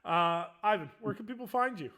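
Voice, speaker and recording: Bright-voiced man co-hosting a gaming podcast. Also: high-pitched, expressive, a little fast. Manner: laughs often, loose and playful. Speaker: podcast co-host. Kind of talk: casual gaming chat.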